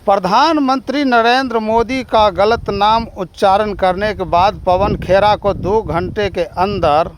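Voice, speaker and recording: A man's voice: high-pitched, a little slow, few pauses, rough recording. A man delivering an impassioned, indignant political monologue, full of rhetorical questions and long lists. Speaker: political commentator.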